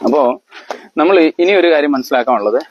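Man quizzing his family, fairly high voice. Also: lively intonation, dull audio, slight background noise. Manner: quizzes listeners, keeps asking if they understand; halting, with fillers and restarts. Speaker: family elder explaining to family. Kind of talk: lecture-like family talk.

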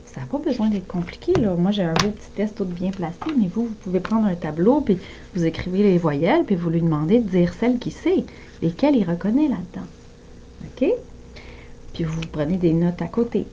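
A woman in her fifties with a Quebec French accent, a remedial teacher giving a lively online presentation to parents and punctuating her examples with "oops". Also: mid-range voice, highs cut off, a little hiss or hum.

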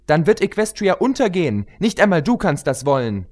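A man's voice: a little high, big pitch swings, a little fast, a little mellow, pitched above the performer's own voice. A man voicing a brave, determined young pony mare who speaks with urgent earnestness, in a fan-fiction audiobook reading.

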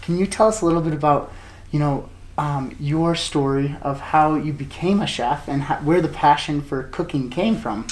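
A man's voice: on the high side, normal speed, hardly any pauses. A man in his thirties hosting an interview, upbeat and full of "uh"s. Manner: upbeat, many fillers. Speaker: host. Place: living room with sofa. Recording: roomy echo.

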